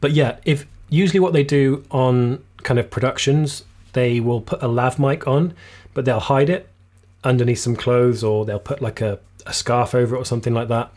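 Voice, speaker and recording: A man hosting a live videography Q&A stream, explaining gear casually, slightly losing his voice, recorded on a boom shotgun mic in a small room. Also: fairly even intonation, moderate pace, a little mellow. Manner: casual, explanatory, reads viewer comments aloud. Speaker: videography channel host. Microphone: shotgun boom mic just out of shot.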